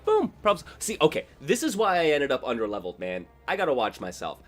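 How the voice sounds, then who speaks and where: A man's voice: on the high side, huge pitch swings, fast, a bit bright, faint music behind. A man live-streaming a video game, chatting casually with viewers in a rambling, self-correcting way. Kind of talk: casual live-stream chat while gaming.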